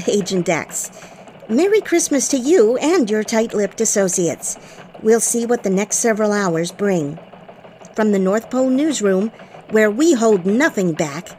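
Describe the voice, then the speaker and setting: A woman voicing a cheerful female elf news reporter in a scripted radio broadcast, with a bright newsreader delivery. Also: medium pitch, slight background noise, rough recording.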